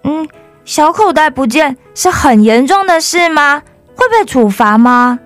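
A woman reading a storybook aloud and voicing a bold, curious young girl who exclaims loudly. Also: high voice, a little slow, no room sound, soft background music, pitched above the performer's own voice. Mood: startled. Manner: loud, excitable and exclaiming.

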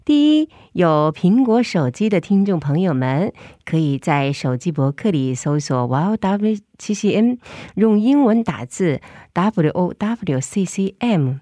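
A woman radio host talks casually through a face mask. Her voice is low and mellow, recorded dry in a studio. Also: no echo. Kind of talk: casual co-hosted programme talk.

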